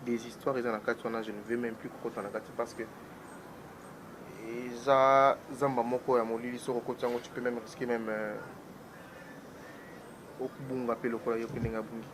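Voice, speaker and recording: Man, political talk show guest, animated commentary, mid pitch, noisy hiss behind. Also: normal speed, long pauses. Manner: animated, mixes French and Lingala.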